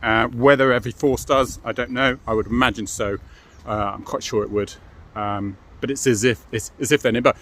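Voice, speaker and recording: Brisk and with few pauses, a middle-aged British man who used to be a police officer explains things informally. His mid-range voice is steady and a bit bright, and slight background noise is present. He's frank and matter-of-fact and often uses tag questions.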